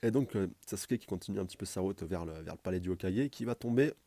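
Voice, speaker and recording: A man with a very low, dark voice rattles through a manga chapter in loose, chatty commentary, often restarting his sentences. He talks quickly, and the sound is dry and close. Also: animated, no echo. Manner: rambling, full of restarts and fillers, chatty. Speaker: manga reviewer. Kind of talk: casual live commentary.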